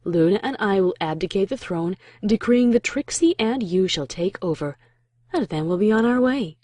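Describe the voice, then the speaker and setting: A regal pony princess from a cartoon fan drama , acted by a woman, with a soft, mellow tone. She is composed and nonchalant, quietly sly, as if no crisis could bother her. The sound is dry and intimate. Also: mid-range voice, animated, moderate pace, no echo, close to an everyday voice. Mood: sly, casual. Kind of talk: fan fiction audio drama acting.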